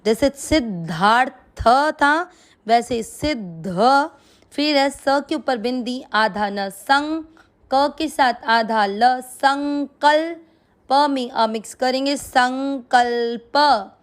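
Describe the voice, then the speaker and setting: A woman's voice: high-pitched, very slow. A woman teaching Sanskrit verse pronunciation, breaking words into syllables and repeating them patiently.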